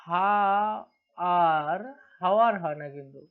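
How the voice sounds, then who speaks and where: A woman's voice: mid-range voice, a little fast. Bengali woman teaching English grammar. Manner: asks students questions and answers them herself. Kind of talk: online grammar lesson. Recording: dull lo-fi recording.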